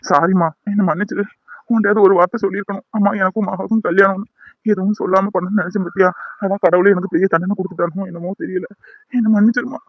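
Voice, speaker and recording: A badly hurt young man in a cartoon, played by a man, pained and resigned, pleading softly with his mother. He speaks quickly in a high voice, and the dry recording sounds dull and lo-fi. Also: fairly even intonation, no room sound. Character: gravely injured young man, weak and pained. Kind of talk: cartoon voice acting.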